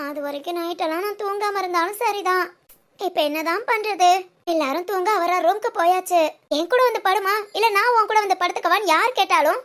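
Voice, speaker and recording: A woman playing a young wife who is sulking at her husband, scolding him sharply and musing softly to herself in a comic family skit. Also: very high-pitched. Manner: sharp scolding, then soft musing alone. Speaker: actress in a village family skit. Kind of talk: comic family drama acting.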